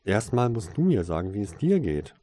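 A man with a husky, mellow voice voicing an eager young boy who is a devoted little brother, in an audiobook reading. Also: fairly low pitch, sing-song, moderate pace, voice pushed up. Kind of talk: audiobook character voice.

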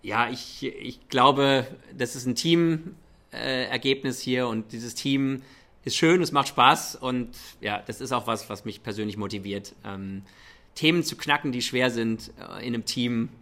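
A man with a medium-pitched voice speaks German with a light American accent. He answers like an executive in a conversational interview, feeling for his words and slipping in English business vocabulary. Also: a little slow, sharp tone. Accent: slight American accent in German. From Germany and the United States. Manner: hesitant, mixing English business terms into German. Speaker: airline chief executive.

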